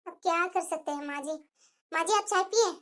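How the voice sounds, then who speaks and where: A woman's voice: extremely high pitch, normal speed, fairly bright tone, voice pushed down. Woman voicing a caring elder daughter-in-law. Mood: concerned. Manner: earnest, scolding, soothing. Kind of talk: animated story voice acting.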